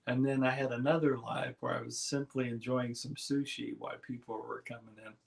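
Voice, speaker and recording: A man hosting a casual live stream, chatting in a relaxed, rambling way and reading viewers' comments aloud. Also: medium pitch, brisk, vocal fry.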